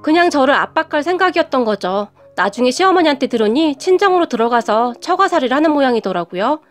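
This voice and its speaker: Woman telling her family drama story, high and lively voice, soft music under. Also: fast talker. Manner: indignant, confiding. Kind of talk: scripted first-person story narration.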